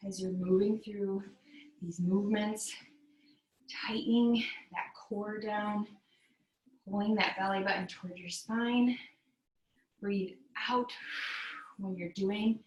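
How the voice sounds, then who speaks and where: A woman's voice: mid-range voice, sharp tone. A woman fitness instructor leading a virtual workout, counting down reps and cueing form while she exercises in a small room. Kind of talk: coaching a virtual workout class. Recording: roomy echo, mic at a distance, faint noise.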